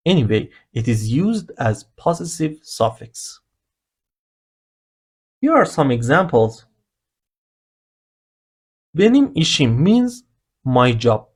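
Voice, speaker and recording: Slow patient male language teacher. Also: medium pitch, big pitch swings, husky. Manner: patient, spells out grammar rules step by step. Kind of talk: slow explanatory lesson narration.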